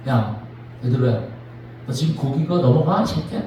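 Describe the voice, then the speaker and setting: A man voicing an imagined harsh male master who scolds a disciple in a gruff, low voice. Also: expressive, normal speed, mellow, a little hiss or hum, lightly acted. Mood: scolding. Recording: echoey church from a distant mic.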